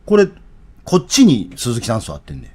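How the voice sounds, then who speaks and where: A man's voice: mid-range voice, huge pitch swings, moderate pace, a little mellow, breathy edge. A man with a Kansai accent giving casual political commentary, blunt and sardonic.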